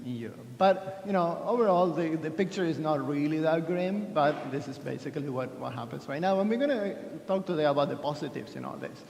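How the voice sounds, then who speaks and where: This Argentine keynote speaker has a slightly high, darkish voice with vocal fry. He chats through his conference talk, makes fun of himself and restarts a lot, and the large hall's long reverb makes everything echo.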